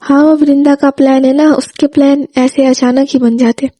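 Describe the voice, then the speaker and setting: A gentle, hesitant young woman who speaks politely and a little shyly, voiced by a woman narrating. Her voice is high and mellow. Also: flat delivery, normal speed, close to an everyday voice.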